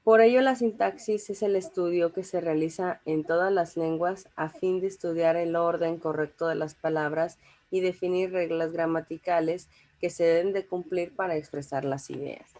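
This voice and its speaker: A young woman explains grammar in a relaxed classroom manner. Her voice sits slightly low, and she talks in a loose, conversational way with frequent fillers and restarts. She keeps checking that her listeners follow. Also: moderate pace. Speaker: teacher. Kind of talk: informal classroom lecture.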